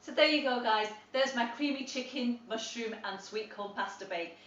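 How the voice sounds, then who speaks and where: A woman's voice: a little high, normal speed, a bit bright, slight background noise. A woman hosting a cooking channel, chatting casually and encouragingly as she demonstrates a recipe in her home kitchen. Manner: chatty and encouraging, addresses viewers as guys. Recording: roomy, off-mic, slightly dull sound.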